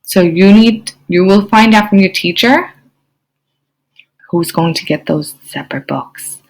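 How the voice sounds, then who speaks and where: A woman teacher giving an expressive online reading lesson to young children, often asking them questions. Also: lowish voice, unhurried, low-quality recording. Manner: expressive, explains with gasps and questions to kids.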